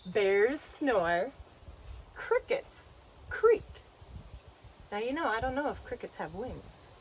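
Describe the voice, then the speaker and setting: A woman's voice: fairly high pitch, very animated, slow pace, slight background noise, poor audio. A woman hosting a children's lesson, talking playfully and directly to the kids watching. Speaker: children's educator and show host.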